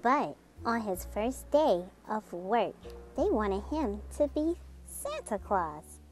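A woman hosting a channel reads a children's picture book aloud with lots of expression, music playing behind her. Her mid-range voice is sing-song and slow.

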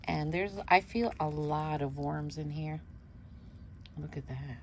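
A deep, slow female voice comes through with slight background noise. She hosts a worm composting channel and, as a native Spanish speaker, chats casually at home while showing her bin, often laughing at herself and repeating words.

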